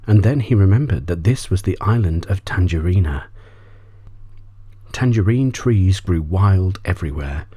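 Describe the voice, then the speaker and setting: An audiobook reader tells a bedtime story as soft ASMR, his very low, dark voice often drifting into a whisper. His tone is breathy and husky, recorded close and dry with no room sound.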